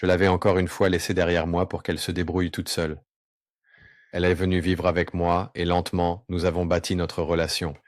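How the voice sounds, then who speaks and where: A man tells his own story in a remorseful, earnest confession, his voice shifted down to an unnaturally deep register to keep him anonymous. The sound is dry and close, with no room around it. He slows down at key moments. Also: monotone, no room sound. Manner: earnest, remorseful, with pauses and slow stretches. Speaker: person giving a personal testimony. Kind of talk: confessional first-person testimony.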